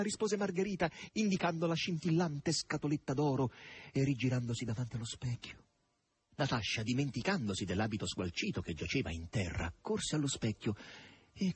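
A man narrating a novel aloud as an audiobook reader, with expressive, varied phrasing. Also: lowish voice, breathy edge.

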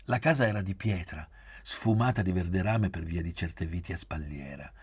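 A man narrating a literary novel as an audiobook reader, measured and soft-spoken, at times dropping almost to a whisper. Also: low-pitched, husky, dry recording.

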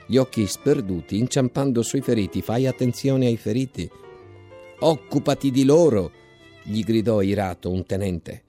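Man, low dark voice, dry close studio sound, measured dramatic literary reading. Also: dry recording. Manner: measured, dramatic storytelling delivery. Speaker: reader of a novel. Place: radio studio.

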